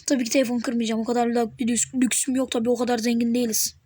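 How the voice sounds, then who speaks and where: A woman giving live gameplay commentary on her channel, excitable and teasing, talking back at the game as she plays. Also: on the high side, racing, slightly rough. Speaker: gaming channel host.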